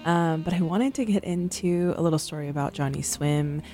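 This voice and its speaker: A woman's voice: low-pitched, fairly quick, warm tone, soft background music. A young woman from San Francisco hosting a radio show, talking casually and rambling between songs with many ums and likes.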